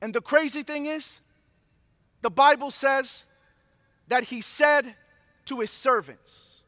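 A man's voice: extremely high pitch, slow, sharp tone, no echo, clean studio sound. A man preaching a sermon, a father who mixes impassioned preaching with personal stories. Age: adult father of young children. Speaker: pastor.

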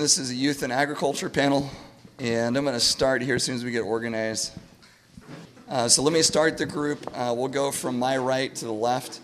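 A man's voice: mid-range voice, fairly bright tone. Scratchy-voiced man moderating a panel. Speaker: panel moderator, farm manager.

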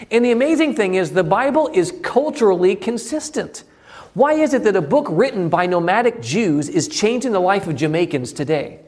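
A man preaching an evening sermon, swinging between high exclaims and hushed low lines.

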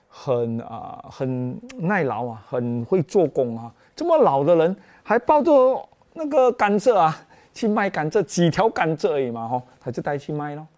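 Lively male storyteller. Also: a little high. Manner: lively, emotional, with many filler particles. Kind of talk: personal testimony storytelling.

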